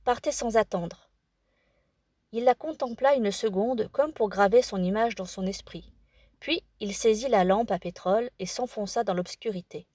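A woman narrating an audiobook in a measured, calm storytelling manner. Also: mid-range voice, dry recording, clean studio sound.

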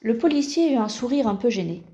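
A woman narrates a children's novel in a calm, even storytelling manner. Her voice is dark and mellow. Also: on the high side, fairly quick. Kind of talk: scripted audiobook narration.

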